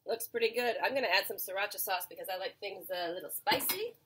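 This casual home cooking show is hosted by a woman in her forties who talks to viewers as she cooks, filling pauses and correcting herself. She talks fast at medium pitch; a camera mic a few feet away catches the noisy small kitchen and its clattering pans.

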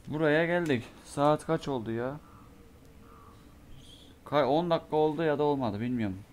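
A young man giving let's play commentary on a horror game, talking to himself and cursing in bursts, his voice going hoarse from a sore throat. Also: fairly high pitch, normal speed, a little hiss or hum. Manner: mutters to himself, curses and reacts in bursts. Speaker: gamer playing a horror game.

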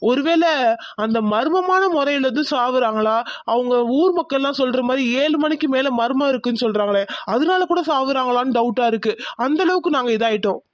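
A performer voicing a worried, puzzled male doctor in a cartoon, explaining slowly and uneasily. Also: high-pitched, animated, dry recording, highs cut off. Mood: uneasy. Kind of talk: cartoon voice acting.

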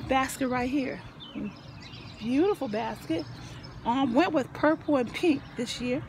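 A high-voiced older woman, saying her voice is going, shows off her backyard garden outdoors on a handheld phone for her vlog. The recording carries a faint hiss or hum, and her upbeat tone leans preachy, full of churchy encouragement, in a casual tour.

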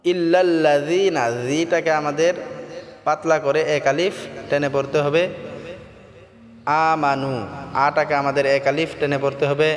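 A man teaching Quran recitation in a tajweed lesson, explaining each sound and then chanting the verses slowly and melodically. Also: on the high side, little pitch movement. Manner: slow drawn-out melodic chanting between spoken explanations. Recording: long reverb with faint background music.

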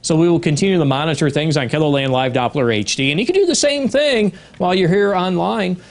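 A man's voice: a little high, expressive, fast. A male TV meteorologist delivering a morning weather forecast in an upbeat manner.

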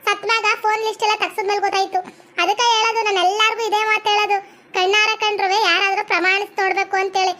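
A woman playing a bossy, sharp-tongued middle-aged village aunt in a comedy skit, speaking with a North Karnataka Kannada accent. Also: extremely high pitch, level tone, very fast, noisy background. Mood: scolding. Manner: scolding, sharp-tongued, theatrical.

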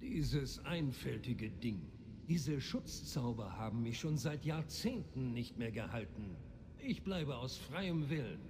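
An actor voicing a haughty, indignant ghost lord and obsessed scholar, formal and commanding, in a video game. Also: male voice, mid-range voice, big pitch swings, slow pace, darkish tone, slight background noise. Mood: haughty, stern.

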